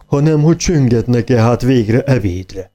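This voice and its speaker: A man voicing a grumpy, hungry bear gentleman in a storybook, talking slowly and gruffly. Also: mid-range voice, expressive, lightly acted. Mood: gruff grumbling.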